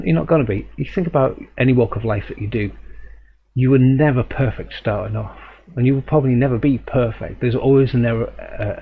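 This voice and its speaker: With a gravelly, mid-range voice, a man teaches drawing on a live stream, mixing demonstration with conversation. He muses thoughtfully, drifts a little, frequently corrects himself, and laughs softly. The audio has a dull lo-fi quality and a faint hum.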